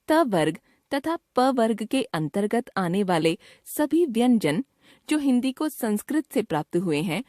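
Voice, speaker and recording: Slow, clear woman reading a grammar lesson. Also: medium pitch, dry recording, clean studio sound. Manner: slow, clearly enunciated word lists. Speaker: teacher. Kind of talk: scripted grammar lesson narration.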